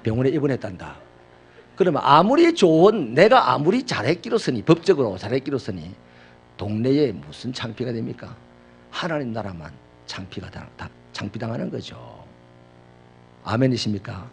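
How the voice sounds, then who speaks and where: 감정 기복이 큰 목사님의 설교, 남성. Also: male voice, mid-range voice, very animated, moderate pace, gravelly, breathy edge. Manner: dramatic storytelling, swings from loud outbursts to hushed asides. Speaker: pastor. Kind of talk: sermon.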